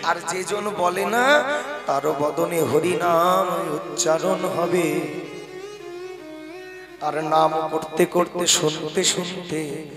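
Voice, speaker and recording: High-voiced man preaching in an echoey hall. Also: steady tone, slow, long pauses. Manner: intimate storyteller addressing mothers in the audience. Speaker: kirtan singer and preacher. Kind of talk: devotional storytelling between sung refrains. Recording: echoey hall with live music.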